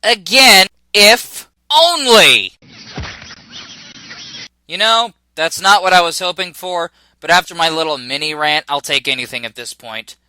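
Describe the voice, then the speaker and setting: A man's voice: fairly high pitch, moderate pace, few pauses, sharp tone, smooth. A man narrating a scripted comedic video game review in a sarcastic, exasperated way.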